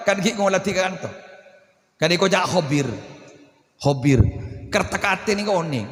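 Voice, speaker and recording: A man preaching a sermon in a lively, joking manner, often acting out voices. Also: fairly high pitch. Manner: animated, joking, playacting quotes. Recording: echoey hall with long reverb.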